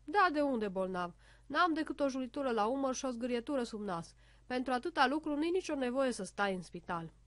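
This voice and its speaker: A fussy little storybook doctor stuck as a patient, complaining and confiding about his treatment in a high voice, as a woman reads his part. The sound is close and dry. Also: animated, fairly bright tone, no echo. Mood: pleading.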